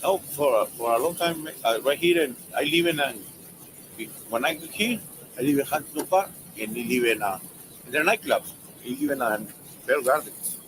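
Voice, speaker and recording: A man who grew up in Mexico speaks with a Mexican Spanish accent, his English broken and halting, restarting his sentences. He is a driver being questioned at a traffic stop. The roadside body-camera audio is noisy. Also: mid-range voice, fairly bright tone. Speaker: driver stopped by police. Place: outdoors by a roadside.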